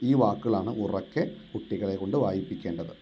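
A man teaching a textbook lesson. He reads Sanskrit lines slowly, explains them and asks rhetorical questions. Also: deep voice, warm tone, a little hiss or hum.

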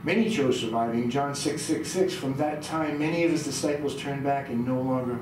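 This sermon comes from a middle-aged male pastor with a medium-pitched voice and moderate pace, reading scripture and quizzing listeners in a small indoor church room. The mic is far away, so the sound is noisy and strongly echoed.

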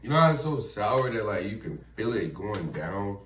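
Deep-voiced young man eating sour candy. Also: sing-song, moderate pace. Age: young adult. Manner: slangy, informal. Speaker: challenge video co-host. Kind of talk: casual chat in a food challenge. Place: small echoey room indoors. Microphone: camera a few feet away. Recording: roomy, distant mic, background noise.

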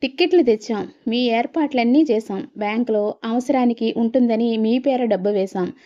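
Woman doing stern old husband, firm and scolding, highish voice, bit dull recording. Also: moderate pace, warm tone, lightly acted. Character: stern older husband, fed-up head of house.

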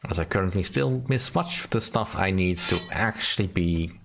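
Deep-voiced man doing game commentary. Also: moderate pace, gravelly. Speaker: gamer, let's play host. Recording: faint background noise, clicks.

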